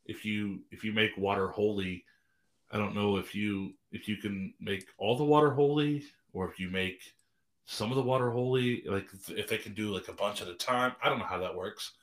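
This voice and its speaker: A man's voice: on the low side, normal speed. A man co-hosting a podcast, chatting casually with a rambling, self-deprecating manner and lots of restarts. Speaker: podcast co-host.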